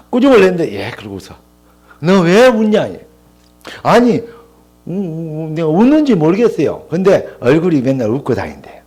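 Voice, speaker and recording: An older man, a pastor, preaching a sermon in church and telling stories with quoted dialogue. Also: on the high side. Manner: animated storytelling with quoted dialogue.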